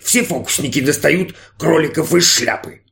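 A man's voice: on the high side, moderate pace, creaky, a bit bright. A man voicing a sarcastic, grumpy male robot in a read-aloud story, with a grumbling, mocking delivery. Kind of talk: audiobook narration with character voices.

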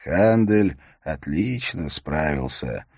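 Deep-voiced male audiobook narrator. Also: creaky, breathy edge, no room sound, studio quality. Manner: measured, steady storytelling.

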